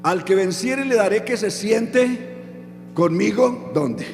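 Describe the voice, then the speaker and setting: A man's voice: high voice, expressive, takes it slowly, creaky. Guy preaching, asks a question then answers it himself, roomy echo, music in the background. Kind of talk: sermon. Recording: echoey hall with music underneath.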